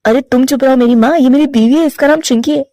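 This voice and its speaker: A woman voicing a flustered young male crow husband, defensive and quick to explain himself. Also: high voice, mellow, lightly acted.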